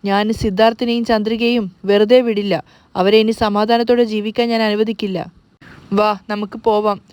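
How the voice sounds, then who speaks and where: A woman's voice: medium pitch, flat delivery, moderate pace, a little mellow, clean tone, no echo, lightly acted. A woman voicing a defiant, vengeful young woman in a serial recap. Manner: defiant, determined.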